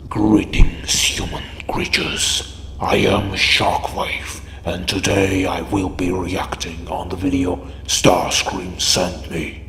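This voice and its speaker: A man voicing a cold, scheming male robot villain in a breathy, whispery voice, speaking slowly with a gloating, menacing manner. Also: low-pitched, level tone, fairly bright tone, roomy sound, big-room sound, slight background noise, exaggerated voice.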